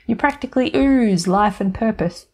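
A woman's voice: on the high side, normal speed, darkish tone, pitched above the performer's own voice, lightly acted. A woman voicing a brooding, mysterious young man who speaks earnestly and a bit prickly.

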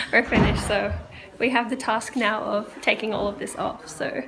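A woman's voice: mid-range voice, vocal fry, very noisy. A young woman talking casually to camera in a vlog, chatty and full of "like", at home over dinner. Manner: chatty, lots of "like", laughs often. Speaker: vlogger.

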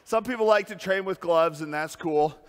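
Male personal trainer, slightly high, upbeat and winded while lifting, gym echo. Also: normal speed. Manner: upbeat, pumped-up coaching with breathy exhales. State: out of breath. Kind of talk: workout coaching while lifting.

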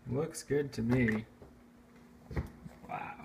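A man in his thirties filming a casual home cooking vlog in his kitchen, talking in an offhand, self-mocking deadpan. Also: mid-range voice, very slow, gravelly, heavy background noise. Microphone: phone camera held at arm's length.

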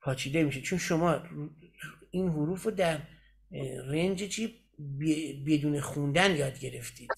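Teacher, male, high-pitched voice, patient step-by-step explainer who keeps checking in with his class. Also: vocal fry. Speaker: Quran recitation teacher. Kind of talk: lecturing in a recitation class.

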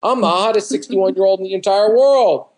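A man in his fifties, working as a dating coach and appearing as an interview guest, speaks in a high, brisk voice with a darkish tone. On a video call from his living room at home, picked up by his computer mic, he gives casual, colloquial advice, emphatic and repetitive, acting out the remarks he quotes.

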